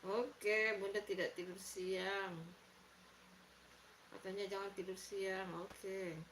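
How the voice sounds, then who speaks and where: A woman's voice: mid-range voice, level tone, takes it slowly, fairly bright tone, slight background noise. A middle-aged woman with an Indonesian accent, hosting a casual live stream and chatting in a motherly way as she reads viewers' comments. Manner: motherly, chatty, repeats herself while reading comments. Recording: echoey room.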